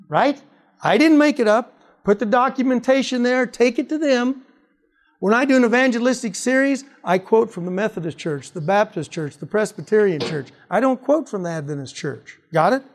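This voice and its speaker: A man's voice: high voice, normal speed. A male preacher teaching on apologetics, reading scripture aloud and quizzing his listeners with rhetorical questions. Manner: animated, asks rhetorical questions.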